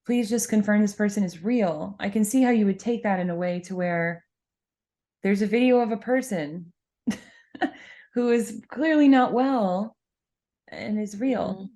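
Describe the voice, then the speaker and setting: Woman, podcast co-host, measured and thoughtful, wry humor. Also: mid-range voice, lively intonation, dark tone. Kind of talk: casual podcast chat.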